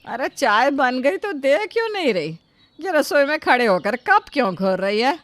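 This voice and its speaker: A kindly old cartoon mother-in-law, voiced by a woman, who talks slowly and scolds with warmth. The voice sits a little high and lifts gently. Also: sing-song, no room sound. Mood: puzzled.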